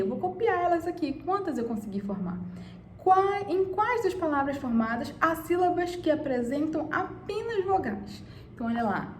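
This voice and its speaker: Woman teacher, high voice that swoops all over, echoey room, asks the kids stuff. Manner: lively, addresses the pupils directly with questions. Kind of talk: online class lesson for children. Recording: echoey room, faint noise.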